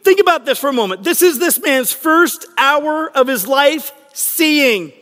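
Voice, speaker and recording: A man preaches in a sanctuary, acting out the scenes of a Bible story with playful energy. His voice sits very high for a man. Long hall reverb trails each phrase. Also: animated, unhurried, bright, forceful tone, soft background music. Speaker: pastor. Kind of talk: sermon.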